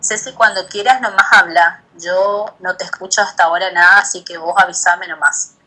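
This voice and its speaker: A woman's voice: on the low side, steady tone, moderate pace, bright, forceful tone, low-quality recording. A woman lecturing online about nutrition, hesitant and self-correcting, checking in with her students. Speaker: nutrition professor.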